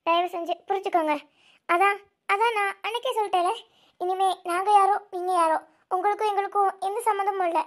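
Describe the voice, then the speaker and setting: Fan audio drama: woman voicing a young snake-woman elder sister, very high pitch, anguished, stammering repeats. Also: fairly even intonation. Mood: firm refusal. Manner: tearful, pleading, halting repeats.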